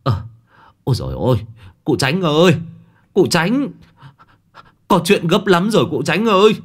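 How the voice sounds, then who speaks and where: A man voicing a panicked young villager who brings bad news in a ghost story, pleading in a rushed way. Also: on the high side, sing-song, soft background music, voice pushed up.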